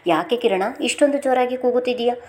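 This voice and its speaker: A woman voicing an anxious sister-in-law in a family drama, speaking higher and louder. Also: fast, lightly acted. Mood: worried. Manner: worried, higher and louder questioning.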